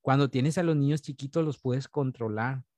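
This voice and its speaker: A man's voice: mid-range voice, moderate pace, mellow, no echo. A man in his thirties talking in an earnest, rambling way with many restarts, co-hosting a casual faith podcast. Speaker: podcast co-host.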